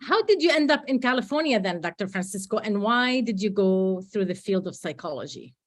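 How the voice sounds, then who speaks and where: A woman's voice: mid-range voice, big pitch swings, a little fast. A woman from Lebanon hosting an interview, asking questions and encouraging her guest with short affirmations. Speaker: interview host.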